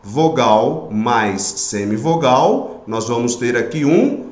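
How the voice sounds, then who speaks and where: A man teaching a grammar lesson in Brazilian Portuguese, patient, pausing often to check that students follow. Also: mid-range voice, sing-song, darkish tone, roomy sound.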